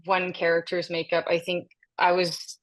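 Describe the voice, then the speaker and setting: With a lowish voice at normal speed, a woman in her thirties who was born and raised in Denmark chats animatedly as an interview guest. The conversation is casual, full of laughter, fillers and restarts.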